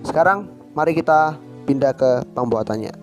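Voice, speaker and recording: A man's voice: fairly high pitch, expressive, normal speed. A teenage male student reads a scripted school presentation through a face mask, slightly muffled and stumbling on words. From Indonesia. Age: teens. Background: music.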